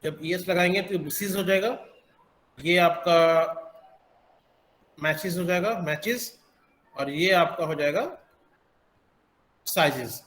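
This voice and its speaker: A man teaching English pronunciation, explaining slowly with many hesitant pauses. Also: high voice, steady tone, a bit bright, echoey room. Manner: slow, halting, many filler pauses. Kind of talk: explanatory classroom lesson.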